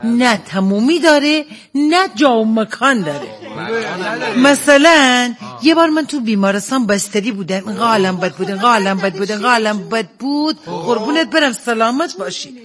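A man's voice: extremely high pitch, animated, a crowd in the background. A man playing a chatty, teasing middle-aged wife in a comedy sketch, telling stories about her husband with a laugh. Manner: gossipy, teasing, often laughing. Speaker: comic storyteller in a sketch.

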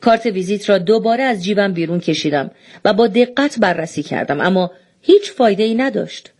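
A woman reads a story aloud in a calm, measured way. Her voice sits at a middle pitch with a lively melodic range. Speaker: narrator. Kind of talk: audiobook reading.

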